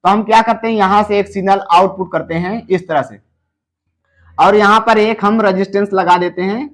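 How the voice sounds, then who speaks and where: A man teaching amplifier repair step by step, often pausing on "theek hai" and addressing viewers as friends. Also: high-pitched, fairly even intonation, a bit bright. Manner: explains slowly, filling gaps with "theek hai" and "doston". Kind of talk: step-by-step technical tutorial.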